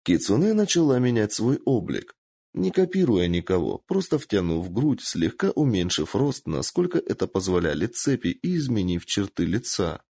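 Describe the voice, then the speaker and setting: A man narrating a dark fantasy audiobook in an expressive storytelling manner. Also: on the low side, normal speed, vocal fry, slightly rough. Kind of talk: dramatic fiction narration.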